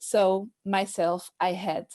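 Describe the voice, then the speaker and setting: A middle-aged French woman with a French accent talks casually in an interview about her work as a maternity nurse. Her mid-range, darkish voice is slow and level, and she hesitates often with many fillers and restarts.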